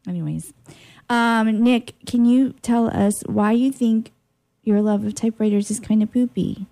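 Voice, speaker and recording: A woman's voice: fairly high pitch, unhurried, dark tone. A woman hosting a radio show, chatting casually with a guest in a playful, goofy, informal way. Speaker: radio host and DJ interviewing a guest. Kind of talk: casual, jokey radio chat.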